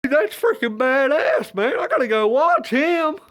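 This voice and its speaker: A young man acting out an excitable, crude buddy who talks in loud, slangy disbelief. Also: very high-pitched, normal speed, pitched above the performer's own voice. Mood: excited, mocking. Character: excitable crude male buddy hyping a YouTuber.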